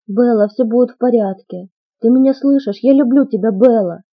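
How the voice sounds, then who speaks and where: A desperate young man pleads, his voice tender and anguished, as a woman reads him aloud. His tone is breathy and husky, and the recording is dull and lo-fi. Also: on the high side, fairly quick, no room sound. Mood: pleading. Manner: pleading, urgent.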